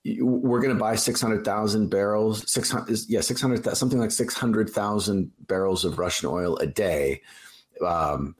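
A man's voice: lowish voice, normal speed. A man speaking as a guest on a political talk podcast, blunt and emphatic, leaning hard on key words. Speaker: guest editor.

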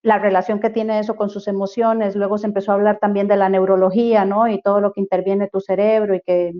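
A Costa Rican interviewee speaks casually on human rights in a mid-range voice with little pitch movement. Reflective and halting, she leans on fillers and restarts while searching for words, and the recording sounds dull and lo-fi.

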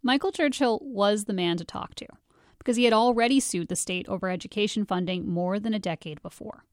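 A woman reporter giving scripted narration in a clear, even storytelling delivery. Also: mid-range voice, fairly quick, no echo, studio quality. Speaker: radio reporter.

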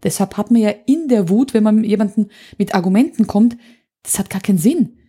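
A woman's voice: mid-range voice, fairly quick, warm tone, husky. A woman, an anger coach talking in an interview, explaining emphatically with vivid examples. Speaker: anger coach, podcast guest. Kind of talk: conversational interview.

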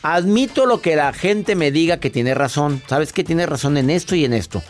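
Man, radio host, playful and chatty, slightly high voice, faint music behind. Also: lively intonation, moderate pace. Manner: playful, laughing, acts out dialogues. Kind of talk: radio call-in chat and advice. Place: radio studio booth.

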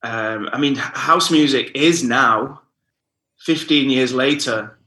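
A house music DJ and producer in his thirties, from northern England, chats casually as a podcast guest. His Northern English accent comes through in a medium-pitched, sharp-toned voice at a slow pace, and he often says "mate" and "you know."

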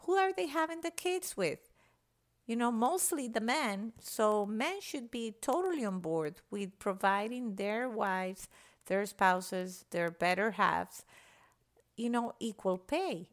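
A woman's voice: fairly high pitch, animated, slow pace. A woman from Venezuela, speaking passionately and emphatically in a podcast monologue. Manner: passionate, emphatic, citing statistics. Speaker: podcast guest.

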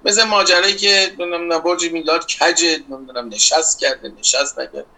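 A man's voice: fairly high pitch, steady tone, gravelly, sharp tone, poor audio. A middle-aged architect from Iran answering interview questions, emphatic and insistent as he dismisses rumors. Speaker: architect guest, competition organizer.

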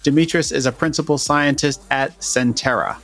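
A man hosting an interview podcast, asking questions in a relaxed conversational way. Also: medium pitch, moderate pace, soft background music. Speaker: podcast host.

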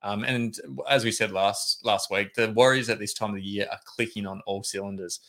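An Australian man co-hosting a sports podcast, chatting in a relaxed, agreeable way. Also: on the low side, a little fast. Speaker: podcast co-host. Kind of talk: casual sports chat.

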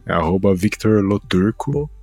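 Brief: Brazilian male guest, very low voice, dry close sound, wry jokes. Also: lively intonation, moderate pace, darkish tone, slightly rough, dry recording, faint music behind. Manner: low-key, wry, joking. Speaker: podcast guest, audio editor. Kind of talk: casual chat.

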